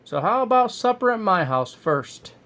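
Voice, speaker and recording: A man's voice: high-pitched, sing-song, moderate pace, fairly bright tone, full character voice. Guy doing a keen little bunny, plump and friendly, kids storybook read to a tiny kid. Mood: inviting. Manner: eager, polite. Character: fat little male rabbit, eager, proud, friendly. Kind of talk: storybook character voice read to a young child.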